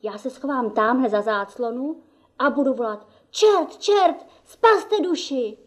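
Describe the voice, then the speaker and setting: Cheeky puppet jester boy voiced by a woman: very high, impish, mocking. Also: expressive. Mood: sly, playful. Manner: mocking, playful banter. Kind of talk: puppet theatre play.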